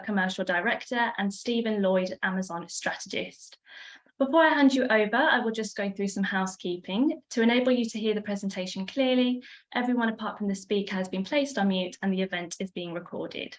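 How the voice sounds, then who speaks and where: A woman hosting a business webinar, reading a formal welcome and housekeeping notes clearly. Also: medium pitch, brisk. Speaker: webinar host.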